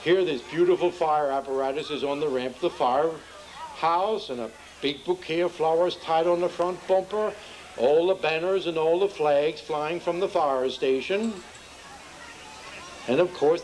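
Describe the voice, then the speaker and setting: A man's voice: fairly high pitch, moderate pace, darkish tone, a little hiss or hum, low-quality recording. A man with a Pennsylvania Dutch accent telling folksy jokes to a crowd at an outdoor town festival. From Pennsylvania, USA. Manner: folksy, playful, addresses the crowd. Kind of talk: folksy stand-up joke telling.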